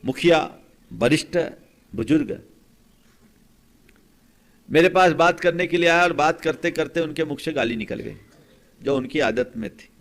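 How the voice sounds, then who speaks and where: Emphatic Hindi-speaking monk preaching. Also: male voice, on the high side, measured pace, long pauses. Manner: storytelling, rhetorical questions, swings from soft to emphatic. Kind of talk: sermon.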